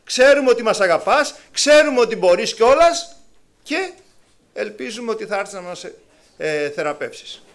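Preaching to his congregation, a man delivers an animated sermon, voicing biblical figures with abrupt rises and falls. His voice sits high.

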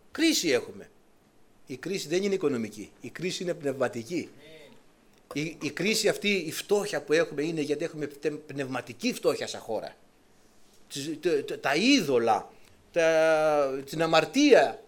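A middle-aged male preacher delivering a sermon with great emphasis. His fairly high voice swings widely, climbing to urgent peaks and then sinking back down. He exhorts his listeners directly. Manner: emphatic preaching, voice rising and dropping sharply.

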